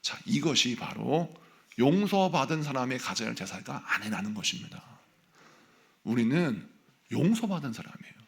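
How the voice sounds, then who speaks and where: A man's voice: mid-range voice, vocal fry, fairly bright tone. A man, the senior pastor of a church, preaching a sermon in a church sanctuary and pressing his congregation with emphatic rhetorical questions.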